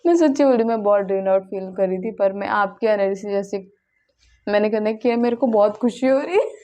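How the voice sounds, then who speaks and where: A woman's voice: mid-range voice, fairly quick, warm tone. A young woman giving a casual, chatty tarot reading to her viewers, often checking in with "okay?" and mixing in English words. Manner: chatty, keeps asking "okay?" and mixes in English. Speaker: tarot card reader.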